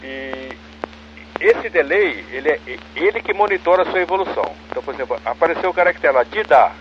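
A man's voice comes through a two-way radio, muffled, with clear static hissing behind it. He explains things patiently and step by step, his pitch sitting a little high for a man. He talks like a radio operator calling in to share what he knows. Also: animated, a little fast. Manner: explains patiently in small steps. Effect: heard over a two-way radio transmission.

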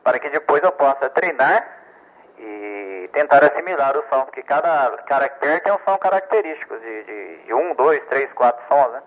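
A man's voice: medium pitch, animated, moderate pace. A man explaining telegraphy basics in a patient, repetitive lesson, often stammering and checking with "ok?". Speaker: telegraphy instructor. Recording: tinny radio transmission.

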